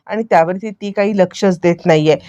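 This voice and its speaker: A woman retelling a TV serial episode to her viewers in a lively storytelling manner. Her voice is warm and mellow. The recording is dry and close. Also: mid-range voice, brisk, no echo. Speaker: serial recap narrator.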